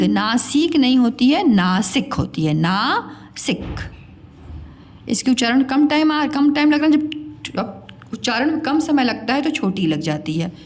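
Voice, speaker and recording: A woman teaching children a spelling lesson, slowly repeating words and calling her pupils "beta". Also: high-pitched, darkish tone. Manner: slow, drawn-out repetition of words; addresses pupils fondly as "beta".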